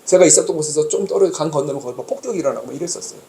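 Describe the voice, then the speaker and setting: A man in his fifties, a pastor preaching a sermon and telling a story to his congregation in an animated, exasperated way. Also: a little high, racing, slight background noise. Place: church sanctuary. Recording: echoey church hall.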